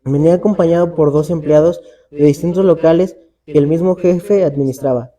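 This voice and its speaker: Hombre de voz oscura narrando terror. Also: male voice, on the high side, fairly even intonation, mellow. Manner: dramatic, measured storyteller. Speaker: co-host telling a horror story. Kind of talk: storytelling narration in casual talk.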